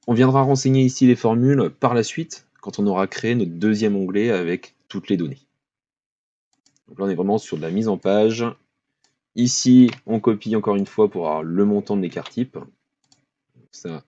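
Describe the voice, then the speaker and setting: A man narrates a spreadsheet tutorial in a fairly low voice. He talks in a loose, thinking-aloud way, with fillers and quick apologies as he clicks along. The recording is dull and lo-fi, with keyboard typing behind him. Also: mellow, no echo. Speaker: finance tutorial host.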